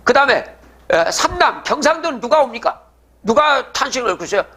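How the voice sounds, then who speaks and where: A man's voice: extremely high pitch, big pitch swings, a little fast, pushed and bright, slight background noise. A man giving a religious prophecy lecture, asking rhetorical questions and answering them himself, and checking in with the audience.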